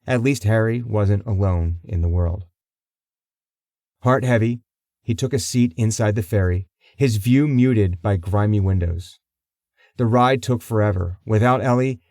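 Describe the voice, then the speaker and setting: A man narrating a crime audiobook in a measured, even storytelling manner. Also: lowish voice, no echo, clean studio sound. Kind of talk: scripted narration.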